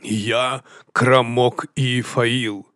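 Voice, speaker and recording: A fat, grinning hill chieftain, put on by a male audiobook reader, stretches his words into a lazy sing-song. He slides from a near-whisper to a booming boast without warning, unsettling and merry at once. The voice sits at an ordinary male pitch in a dry, close recording. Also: little pitch movement, drawn-out words, clear, resonant tone, no echo. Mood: jovial, unhinged. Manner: drawling and sing-song, swinging between hushed and loud. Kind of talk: audiobook character voice.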